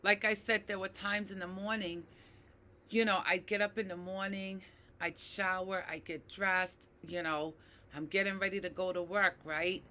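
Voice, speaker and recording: A woman's voice: mid-range voice, fairly even intonation, normal speed, sharp tone. A middle-aged woman, a mental health advocate, speaking emotionally and personally to her viewers, with many fillers and tag questions. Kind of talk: personal talk to camera.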